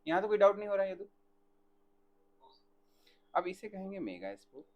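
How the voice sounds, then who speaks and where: A man teaching botany in a live online class, asking students questions by name and dictating answers slowly. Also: sits high, sing-song, highs cut off, a little hiss or hum.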